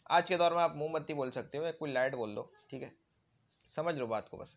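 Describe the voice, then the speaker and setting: Fairly high-voiced male grammar teacher, muffled. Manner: explains with everyday examples and frequent check-ins. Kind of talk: classroom grammar lecture. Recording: dull lo-fi recording.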